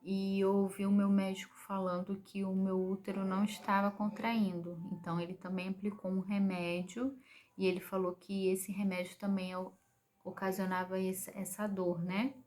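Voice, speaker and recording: A young woman from Brazil calmly recounting a personal experience in casual storytelling, often adding little tag questions. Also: mid-range voice, moderate pace. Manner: calm, gentle retelling with frequent "né?" tag questions. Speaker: vlogger telling her birth story.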